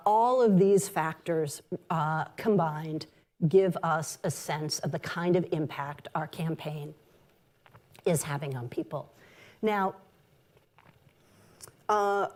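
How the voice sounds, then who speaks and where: A woman marketing executive giving a conference talk, measured and sprinkled with ums and uhs. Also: lowish voice, mellow.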